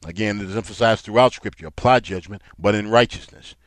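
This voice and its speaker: A low-pitched man preaching, reading scripture aloud and then explaining it. His voice rises in force as he drives his points home. The sound is dry and close. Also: quick pace, no echo. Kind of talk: Bible teaching sermon.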